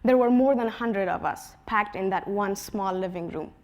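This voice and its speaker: A woman in her twenties from Afghanistan, giving a prepared personal talk in an earnest storytelling manner, her voice dropping softly at the ends of phrases. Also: medium pitch, normal speed. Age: 20s. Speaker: conference speaker.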